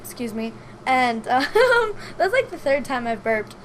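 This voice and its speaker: High-voiced giggly woman telling stories. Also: a little slow, slight background noise. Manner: giggly, animated storyteller. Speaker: podcast guest. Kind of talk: casual chat.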